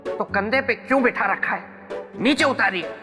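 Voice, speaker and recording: Betaal, a squeaky comic ghost-spirit. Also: male voice, lively intonation, normal speed. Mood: comic fussing. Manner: playful, comic, whiny, exaggerated yelps. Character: mischievous male ghost-spirit Betaal, shrunk small. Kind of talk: TV mythological drama acting. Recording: reverberant studio with music behind.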